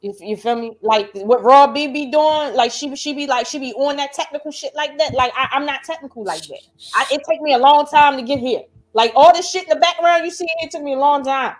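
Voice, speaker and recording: A woman hosting a casual reaction chat, talking in a blunt, profane and animated way. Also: high voice, brisk. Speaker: host.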